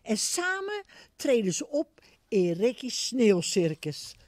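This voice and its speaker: A woman reads a picture book aloud to young children, using a high, sing-song voice whose pitch rises and falls a lot, and she pauses to ask them questions. She speaks expressively and slowly, addressing the children directly. The recording is close and dry.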